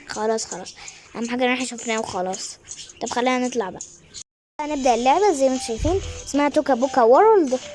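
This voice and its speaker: An Egyptian woman in her thirties chatters through a mobile game with eager, gushing commentary. Her voice sits high and the words come quickly. A faint hiss of background noise runs under the home recording. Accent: Egyptian Arabic. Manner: excited, chatty, scolding kids aside. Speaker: gaming YouTuber. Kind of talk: casual gameplay commentary.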